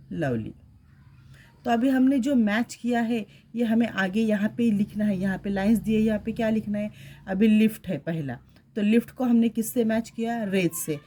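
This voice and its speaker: A woman's voice: fairly high pitch, moderate pace, mellow. Woman teacher spelling out words. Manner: spells words letter by letter, mixes Hindi and English. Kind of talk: classroom lesson explaining a workbook.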